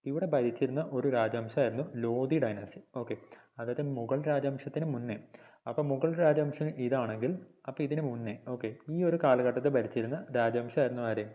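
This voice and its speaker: A male teacher with a Malayali accent explaining a textbook lesson, repeating points and quizzing the viewer, and reading English lines slowly. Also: medium pitch. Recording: phone-like narrow band audio.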